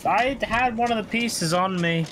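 A man's voice: high-pitched, unhurried. A man talking casually with friends as a fellow player in a video game. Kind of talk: casual gaming chat. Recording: faint noise and clicks behind.

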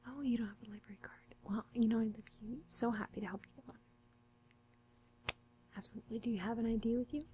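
A young woman in an ASMR role-play as a friendly, helpful librarian, speaking in a soft, intimate library soft voice. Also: a little high, steady tone, fast talker, pauses often, slight background noise. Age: young adult. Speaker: ASMR performer playing a librarian. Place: small curtained room indoors.

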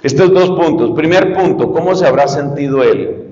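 A man's voice: fairly high pitch, moderate pace, warm tone, long reverb tail, lo-fi sound. A man preaching a sermon, speaking straight to his listeners and repeating key phrases. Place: church retreat hall.

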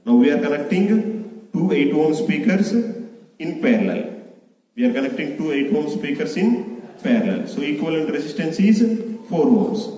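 A young male lab instructor gives a deliberate, repetitive demonstration in a fairly high, expressive, mellow voice. He's recorded from a distance in a large indoor lab with hard surfaces, which makes the sound very echoey.

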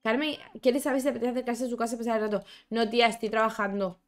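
A young woman with a somewhat high voice, chatting her way through a life-sim game. She exclaims a lot, talks back to her characters and reads out chat from her viewers in a loose, playful commentary. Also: level tone, rapid-fire. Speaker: gaming YouTuber. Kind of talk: casual gameplay commentary.

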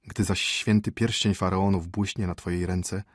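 A man reading aloud and voicing a solemn old high priest who speaks in a low, hushed, measured way. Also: steady tone, no room sound, clean studio sound.

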